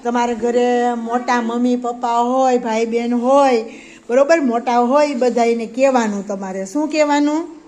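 A woman's voice: fairly high pitch, steady tone, moderate pace, a little mellow. A woman teaching a preschool class, asking the children questions and praising their answers. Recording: faint background noise.

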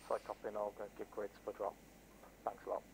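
A man giving brisk taskings over a crackly military radio in a game, as a commander. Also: fairly low pitch, completely flat delivery. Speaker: military sim ground commander. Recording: radio voice with faint noise.

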